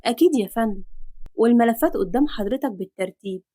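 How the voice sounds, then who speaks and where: A woman's voice: on the high side, expressive, quick pace, dark tone. A woman with an Egyptian accent voicing a polite, efficient female office assistant in a storybook reading. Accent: Egyptian Arabic.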